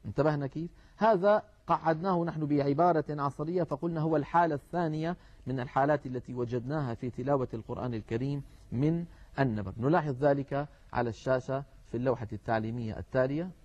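A man giving a televised Quran recitation lesson, explaining calmly and drawing out example words slowly. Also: medium pitch, dull audio.

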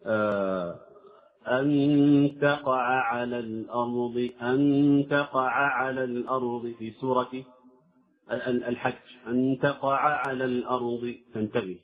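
A man teaching Quran recitation, slow and deliberate, drawing out words to show how each sound should be said. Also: medium pitch, slightly rough. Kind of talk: tajweed lesson with recited examples. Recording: tinny phone-like recording.

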